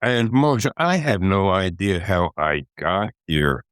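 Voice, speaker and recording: A man in his eighties, a guest in an interview, telling stories slowly and reflectively with some hesitations. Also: low voice, a bit bright, smooth, no room sound, studio quality. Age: 80s. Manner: slow, reflective storytelling with hesitations. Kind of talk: relaxed interview talk.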